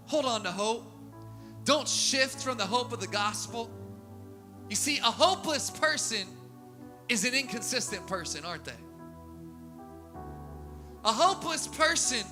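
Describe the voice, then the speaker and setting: A man preaching a sermon as pastor, repeating phrases in a steady cadence that swells into emphatic peaks. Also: very high voice. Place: church sanctuary.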